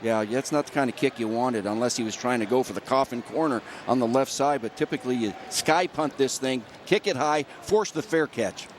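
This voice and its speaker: A man's voice: medium pitch, fairly quick, hardly any pauses. A man giving conversational football analysis, explaining plays in a plainspoken, coach-like way. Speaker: color analyst. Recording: clear outdoor stadium noise behind voice.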